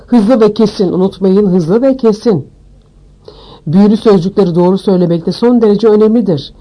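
A woman voicing a tiny, fussy old male charms professor who squeaks out shrill instructions. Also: fairly quick, mellow, natural voice, low-quality recording. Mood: instructive.

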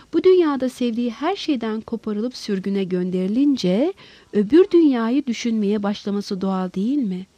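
A woman reading a novel aloud, narrating and voicing several men in dialogue with lively expression. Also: medium pitch, dry recording. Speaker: audiobook narrator. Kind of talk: scripted novel narration with character voices.

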